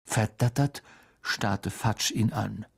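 A man narrating an audiobook in an expressive storytelling manner. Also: lowish voice, takes it slowly, vocal fry, husky. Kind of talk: scripted narration.

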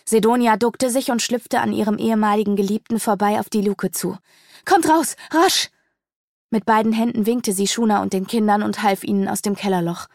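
A woman reading a fantasy audiobook aloud in a steady storytelling manner. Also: mid-range voice, fairly quick, gravelly, hardly any pauses, no room sound, studio quality. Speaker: audiobook narrator. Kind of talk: scripted fantasy audiobook narration.

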